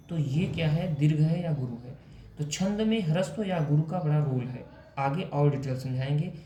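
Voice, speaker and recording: A fairly high-voiced man with a mellow, dark tone teaches a lesson step by step. He checks in with his listeners often and sometimes stops to correct himself. His voice sounds roomy and echoey, over a faint background hum. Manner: explains step by step with frequent "ठीक है" check-ins; self-correcting, drawn-out examples. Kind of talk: explanatory lesson on poetic meter.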